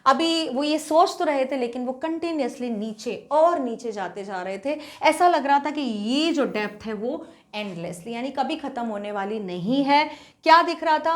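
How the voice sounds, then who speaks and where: Give me an Indian woman with a slightly high voice, teaching a bilingual literature lesson. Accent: Indian English. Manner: explains in Hindi, reads English text slowly.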